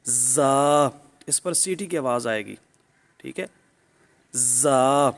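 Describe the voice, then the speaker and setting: A man's voice: fairly high pitch, creaky. A middle-aged man teaching a Quran recitation lesson, patient and repetitive, drawing out each syllable he models. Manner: patient, repeats points, models each syllable loudly and drawn out. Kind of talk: alphabet pronunciation lesson.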